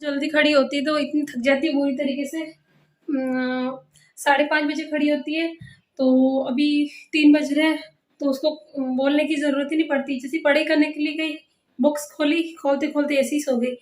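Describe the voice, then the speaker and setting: A woman and mother chatting casually in a home vlog, talking to the camera and gently scolding her children indoors. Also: sits high, flat delivery, moderate pace. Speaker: family vlogger and mother.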